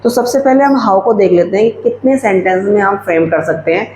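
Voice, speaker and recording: A man teaching English grammar in a lecture, dictating example sentences slowly word by word. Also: high voice, lively intonation, darkish tone. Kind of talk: classroom-style video lecture. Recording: echoey room, faint background hum.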